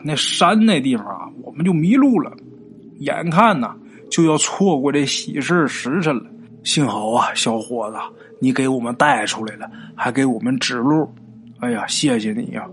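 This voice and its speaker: A man voicing an old man in a hurry, lost on the way to a wedding, who speaks haltingly with many hesitations. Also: mid-range voice, slight background noise, lightly acted.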